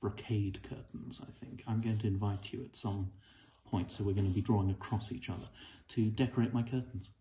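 Middle-aged man, low and mellow, casual drawing-session chat, warm encouragement. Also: steady tone, fairly quick, a little hiss or hum. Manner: gentle, musing, encouraging. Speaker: artist and co-host.

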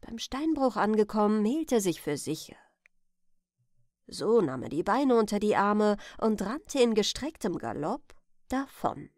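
A woman reads a bedtime story slowly and gently, her pitch rising and falling in a lively way. She drops to a whisper when the story turns tense. The sound is close and dry. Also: no echo. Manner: soft and slow, whispering at tense moments. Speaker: audiobook narrator.

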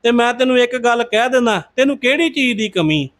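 Stern old male yogi in a retold devotional story, quoted by a high-voiced man, firm and advising. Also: animated, a little fast, a bit bright. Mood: stern advice. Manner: scolding, then giving blessing-like advice.

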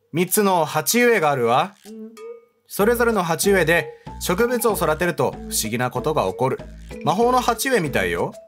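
Picture a sharp-tongued woman guide who scolds and looks down on the player, as a man reads her lines in a game. The pitch rises and falls a lot as she talks. Faint music plays underneath. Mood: explaining. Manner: haughty, feminine speech, scolding. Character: blunt, sassy adult woman guide.

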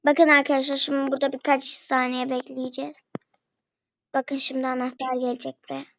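High-voiced young woman chatting through gameplay. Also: monotone, a little fast, fairly bright tone, dry recording, rough recording. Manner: chatty, talks to viewers and a friend while playing. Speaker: gaming video creator. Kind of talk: casual gameplay commentary. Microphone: phone.

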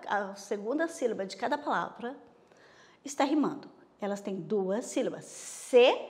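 A woman primary school teacher with a Bahian accent, giving a slow, patient recorded lesson and checking in with her pupils often. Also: on the high side, in a large hall. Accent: Bahian Brazilian Portuguese.

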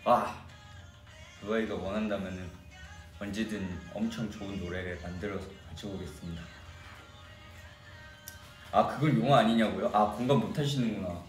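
A man's voice: lowish voice, normal speed, pauses often, soft background music. Young man chatting with fans, echoey room. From Jeolla region, Korea. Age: young adult. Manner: chatty, reads and answers fan comments. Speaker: idol singer hosting a fan livestream. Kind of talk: casual livestream chat. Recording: echoey room, distant mic.

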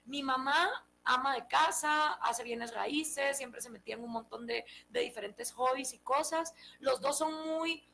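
Woman, Guatemalan Spanish accent, gravelly voice, fairly high pitch, lively storytelling, faint background noise. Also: measured pace, low-quality recording. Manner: animated storyteller, acts out quoted dialogue. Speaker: guest, political scientist. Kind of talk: conversational interview.

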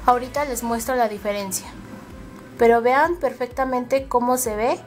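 Mexican woman, makeup tutorial host, fairly high voice, chatty, soft music behind. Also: normal speed. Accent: Mexican Spanish. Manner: chatty, addresses viewers as girls.

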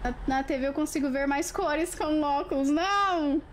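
A woman's voice: sits high, normal speed, slight background noise. A woman, chatting playfully with viewers on a live stream through a webcam, teasing and giggling.

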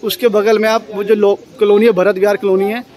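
A man's voice: sits high, level tone, fairly quick, a little mellow, rough recording. A man in his thirties, talking casually while walking through a new apartment building and pointing things out, filmed on a handheld phone. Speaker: property vlogger. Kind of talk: casual walkthrough vlog. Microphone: handheld phone at arm's length.

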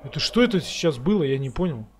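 Slightly high voiced guy, scared horror game streamer, muttering and swearing, casual and jumpy. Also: sing-song, fast talker, darkish tone, a little hiss or hum.

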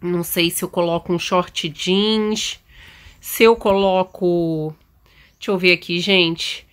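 A woman's voice: fairly low pitch, fairly even intonation, takes it slowly, clear, resonant tone. A Brazilian woman hosting a gaming channel, chatting casually to viewers while playing a mom in a game role-play. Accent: Brazilian Portuguese. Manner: chatty, addresses viewers directly.

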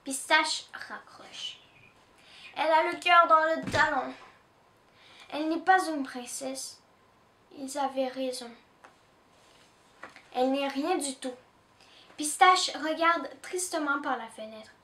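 A woman from Canada reads a children's storybook aloud, slow and expressive. Her voice is high and bright. The recording is roomy and taken from a little way off. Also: a little hiss or hum. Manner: expressive, with small restarts. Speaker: children's book reader. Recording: roomy echo, distant mic.

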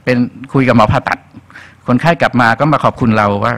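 A middle-aged man with a Thai accent, a physician giving a relaxed faculty lecture, hesitating often and dropping in English medical terms. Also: mid-range voice, fast.

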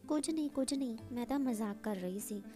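A playful young wife in a storybook reading, voiced by a woman narrator. She teases and coaxes in a fairly high, mellow voice. Faint music plays underneath. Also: a little fast, natural voice. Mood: teasing. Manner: playful, coaxing delivery.

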